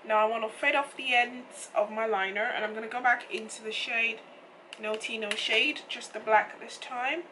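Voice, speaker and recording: A woman with a slightly croaky, froggy voice, chatting casually and informally as she explains a makeup tutorial step by step. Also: fairly high pitch, steady tone, normal speed, sharp tone, slight background noise. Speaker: makeup vlogger.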